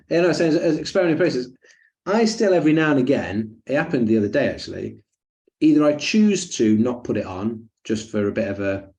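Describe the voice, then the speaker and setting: A man's voice: fairly low pitch, gravelly, a little mellow. A man teaching a breathing webinar in a chatty, jokey way with lots of fillers and asides. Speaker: breathing coach.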